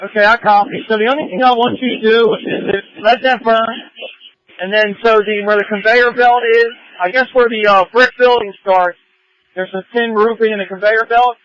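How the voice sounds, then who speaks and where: Urgent high-pitched male firefighter on radio. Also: steady tone, normal speed. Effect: two-way radio. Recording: muffled fire department radio.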